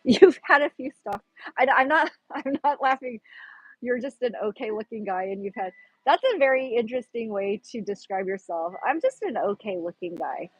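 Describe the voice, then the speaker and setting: On a rough, slightly gritty recording with no room sound, a woman talks at a normal pace in an animated, somewhat high voice. This Pacific Northwest livestream host, whose American accent marks her region, chats casually and rambles while searching for words.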